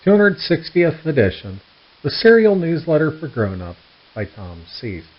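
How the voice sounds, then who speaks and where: A man's voice: fairly high pitch, very animated, moderate pace. A man reading out puns and telling dad jokes, setting each one up and then giving the punchline. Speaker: host of a joke newsletter read aloud. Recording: dull, lo-fi sound.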